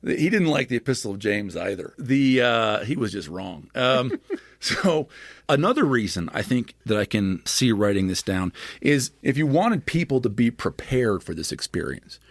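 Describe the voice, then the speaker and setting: This man, a guest on a podcast and a scholar of scripture, lectures enthusiastically, piling on asides and checking in with "right?" while his argument takes shape. He speaks at normal speed with a medium pitch that swings widely. No room sound is audible.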